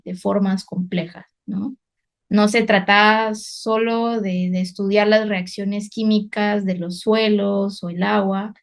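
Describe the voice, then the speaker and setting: A woman's voice: medium pitch, gravelly. Reflective woman researcher recounting her path. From Guatemala. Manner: reflective, many fillers and restarts. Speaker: environmental researcher. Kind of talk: personal career story, unscripted.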